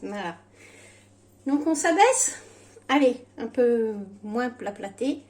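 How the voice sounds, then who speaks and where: A woman's voice: fairly high pitch, lively intonation, slow, a little mellow, echoey room. A woman with slurred, toothless articulation from missing dentures, chatting casually and hesitantly through a home cooking demonstration, often breaking off mid-sentence. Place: at home in a kitchen.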